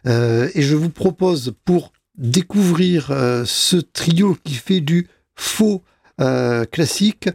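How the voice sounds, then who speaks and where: A man's voice: fairly high pitch, animated, slow pace, gravelly, a little mellow, husky, dry recording, clean studio sound. A man presenting jazz albums on a radio show in a casual, hesitant way, with many fillers and restarts. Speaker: radio music columnist. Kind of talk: casual radio music chat.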